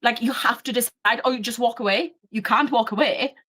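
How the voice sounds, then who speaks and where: A woman, a former prison officer, tells workplace stories in a blunt, animated way and swears freely. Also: a little high, brisk, slightly rough. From United Kingdom. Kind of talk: casual storytelling chat.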